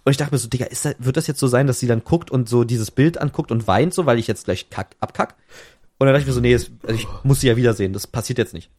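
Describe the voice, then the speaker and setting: A man's voice: mid-range voice, fast, a little mellow. A young man retelling a close call in casual slangy chat, full of restarts, on a podcast mic. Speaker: podcast co-host.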